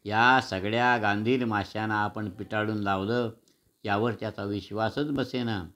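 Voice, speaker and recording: Low-voiced man reading a children's story. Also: fairly even intonation, a little slow, a bit bright.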